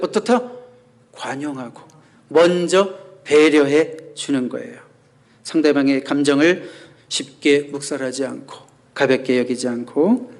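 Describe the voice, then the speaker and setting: Male pastor, sermon delivery, fairly high voice, animated, acts out quotes and asks the congregation questions. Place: church sanctuary.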